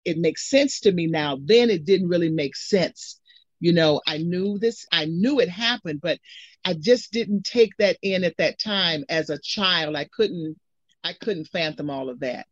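A man reminisces conversationally in an interview. His voice sits fairly high, and the recording is dry and a little dull. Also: a little slow, dry recording. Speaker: interviewee recalling childhood. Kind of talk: personal recollection in interview.

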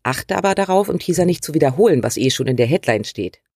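A woman's voice: sits low, expressive, quick pace, gravelly, a little mellow, slightly rough, dry recording. Woman giving direct, dry writing tips. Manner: direct and instructive, uses imperatives. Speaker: writing coach and channel host. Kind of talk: scripted tutorial addressing the viewer.

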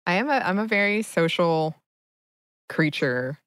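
A woman co-hosts a podcast in an easy, conversational style. Her voice sits low for a woman, and the sound is close and dry, recorded in a small closet at home. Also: expressive, measured pace, a bit bright, no echo. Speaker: podcast co-host. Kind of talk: casual chat. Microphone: home podcast microphone, close.

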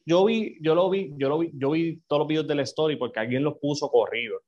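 A man's voice: a little high, brisk, darkish tone. A man with a Puerto Rican accent co-hosting a casual podcast, swearing constantly and talking emotionally. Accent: Puerto Rican Spanish. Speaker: podcast co-host. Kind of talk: casual chat. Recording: slightly dull lo-fi audio.

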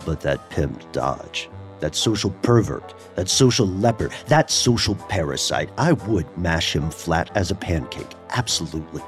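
Venomous jealous bootlegger, very deep voice, faint music beneath, audio-drama part. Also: male voice, lively intonation, a little slow. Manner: venomous, contemptuous. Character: bitter jealous middle-aged bootlegger.

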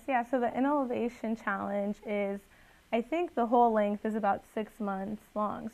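Woman with a gravelly edge, from Guatemala. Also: medium pitch, low-quality recording. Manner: earnest, chatty with frequent fillers. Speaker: guest entrepreneur. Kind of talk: podcast interview.

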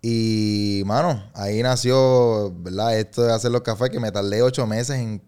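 A Puerto Rican man talks earnestly as a guest in a casual podcast interview. His voice is fairly low and sounds smooth and clear. He often checks in with tag questions as he speaks. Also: fairly even intonation, unhurried, a little mellow. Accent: Puerto Rican Spanish. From Puerto Rico.

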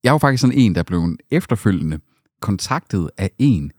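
Animated rambling man telling stories. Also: on the low side, no echo, clean studio sound. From Denmark. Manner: animated storytelling with rambling restarts. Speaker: podcast co-host. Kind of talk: casual chat.

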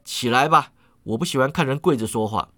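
A man telling a wuxia story, voicing a calm, confident young martial hero who speaks steadily and with command. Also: medium pitch, a little fast, voice pushed down, close to an everyday voice. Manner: steady, commanding, slightly amused.

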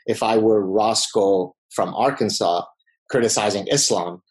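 A middle-aged professor from the Middle East, a native Arabic speaker, answers interview questions as a podcast guest. His lowish voice moves at a measured pace, and he's confident and combative with a wry sense of humor.

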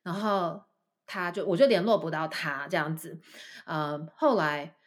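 Taiwanese woman telling a story. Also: unhurried. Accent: Taiwanese Mandarin. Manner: animated storytelling, acting out a parent in a high voice. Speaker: podcast co-host, teacher. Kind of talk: casual chat, storytelling.

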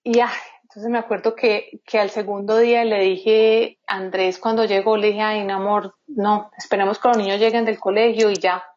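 A woman's voice: medium pitch, little pitch movement, moderate pace, a little mellow. A woman guest in an interview, telling a personal story in an earnest, heartfelt way. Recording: slightly dull lo-fi sound.

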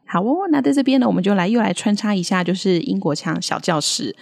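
A woman co-hosting a casual podcast lesson, modelling English words slowly between frequent laughs. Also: medium pitch, lively intonation, vocal fry, darkish tone, a little hiss or hum. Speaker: podcast co-host teaching English accents. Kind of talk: casual language-lesson chat.

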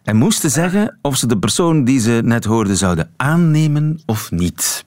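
A man's voice: mid-range voice, very animated, a little mellow, dry recording, studio quality. Een Vlaamse man die als radiopresentator gesprekken leidt en kordaat doorvraagt. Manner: brisk, probing questions. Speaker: radio host. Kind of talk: radio interview. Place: radio studio.

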